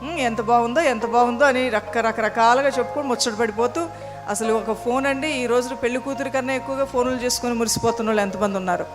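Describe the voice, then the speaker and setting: A woman's voice: a little high, quick pace. A woman preacher giving a sermon, telling stories and asking rhetorical questions. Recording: long hall reverb, faint music.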